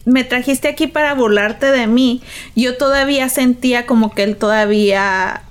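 A woman's voice: fairly high pitch, moderate pace, clean tone. A woman with a Mexican accent chatting casually in an emphatic, slangy way. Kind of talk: casual chat.

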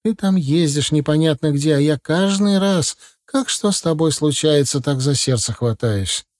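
Мужчина-чтец озвучивает встревоженную, плачущую мать средних лет, которая причитает и умоляет высоким голосом. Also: male voice, expressive, moderate pace, a little mellow, no echo, studio quality, natural voice. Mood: anxious. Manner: wailing, pleading, high-pitched. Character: anxious tearful middle-aged mother, fussing.

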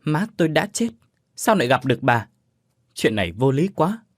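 A desperate young son cries out in a spoken ghost story, as a male narrator puts him on. He speaks, his husky voice swinging widely in pitch. The sound is close and dry. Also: sing-song, moderate pace, no echo. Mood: distraught. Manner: pleading, agitated outbursts. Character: anxious young man, grieving and vengeful.

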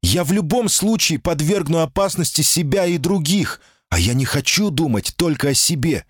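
A man's voice: on the high side, animated, moderate pace, husky, dry recording, studio quality, pitched above the performer's own voice. A man voicing a timid, guarded female golem in human shape, anxious and pleading, in an audiobook reading. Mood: distraught. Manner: anxious, pleading, often cries out.

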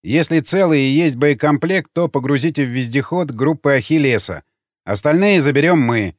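A ruthless raider commander, voiced by a man in an audiobook, snapping out curt commands. The lively, somewhat high voice sounds dry and close. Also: moderate pace, no room sound, natural voice. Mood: commanding. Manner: clipped barked commands.

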